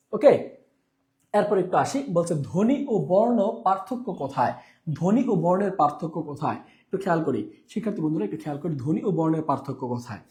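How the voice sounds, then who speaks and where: Repetitive male teacher with a mellow voice. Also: a little high. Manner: repeats key terms and asks questions back to students. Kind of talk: exam-prep lecture.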